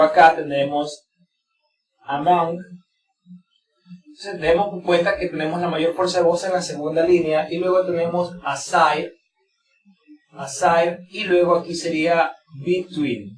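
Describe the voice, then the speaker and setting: A man's voice: a little high, fairly even intonation. Man teaching English word stress. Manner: slow and repetitive, many fillers. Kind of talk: explaining word stress from a board. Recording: echoey room, distant mic, crowd noise.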